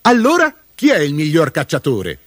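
A man's voice: mid-range voice, huge pitch swings, normal speed, breathy edge, dry recording, clean studio sound, heavily acted. Mudube, a hot-headed boy, as a man puts him on. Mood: boastful. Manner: shouting, indignant. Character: young headstrong boy, quick to anger.

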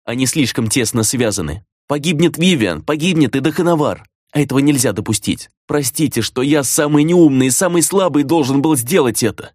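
A man's voice: medium pitch, lively intonation, a little fast, hardly any pauses, darkish tone, no room sound, studio quality, pitched above the performer's own voice, close to an everyday voice. Narrator guy doing a shaky young apprentice, guilty but set on it, voice trembling. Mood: resigned. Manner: strained, apologetic, voice trembling. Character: young male apprentice necromancer, guilt-ridden and resolved.

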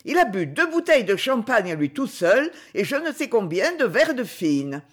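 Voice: mid-range voice, sing-song, moderate pace. A reader voicing a young showgirl who protests insistently in a storybook reading. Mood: alarmed.

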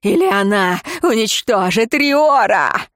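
Woman doing shrill middle-aged peasant mother, wailing, very high, dry sound. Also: very animated, a little slow, darkish tone, dry recording.

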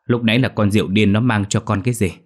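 A man's voice: lowish voice, steady tone, fast, lightly acted. A man voicing a worried older mother in a village who fires off flustered, repeated questions.

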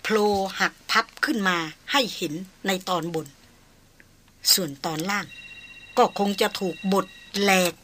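A woman reading a novel aloud in steady, measured narration. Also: mid-range voice, slight background noise. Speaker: audiobook narrator.

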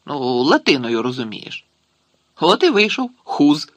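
A man's voice: fairly high pitch, big pitch swings, measured pace, fairly bright tone, no echo, full character voice. A man doing a wry, chatty Soviet officer. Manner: chatty, amused explaining. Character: wry male Soviet security colonel, talkative subordinate.

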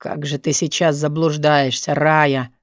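A woman voicing a brooding, dominant young man who speaks in a low, measured, tired tone in an audiobook reading, recorded dry. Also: no echo, natural voice. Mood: weary, firm.

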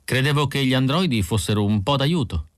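A man reading an audiobook, voicing a timid, eager lonely man who speaks hesitantly and gently. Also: medium pitch, animated, fairly quick, dry recording, clean studio sound, voice pushed up, lightly acted.

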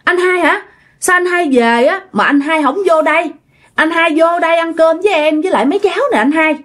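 A woman doing an eager, high-voiced old grandmother. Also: a little fast, fairly bright tone. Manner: eager, pleading, high-pitched calls. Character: startled elderly grandmother calling to her brother.

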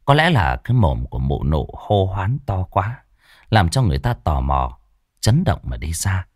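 A man's voice: low voice, big pitch swings, normal speed, slightly rough, no echo, clean studio sound. A man narrating a horror story expressively.

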